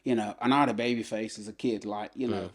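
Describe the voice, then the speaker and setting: An English former boxer in his fifties, with a fairly low voice, guests on a casual podcast to talk through his life story. He's a relaxed, unhurried storyteller who keeps dropping "you know" between thoughts.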